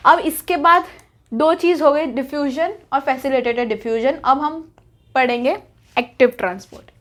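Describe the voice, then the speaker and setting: A woman's voice: high-pitched, normal speed, a bit bright. A young woman teaching a biology lesson at a whiteboard, chatty and repetitive, asking questions and answering them herself. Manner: chatty, repeats key terms, asks and answers herself.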